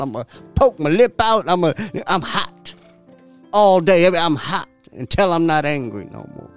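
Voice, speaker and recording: A man hosting a podcast, giving a profane, emphatic motivational talk that repeats its points and breaks into laughter. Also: sits high. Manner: profane, emphatic, repetitive preaching; animated, laughs often. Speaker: podcast host.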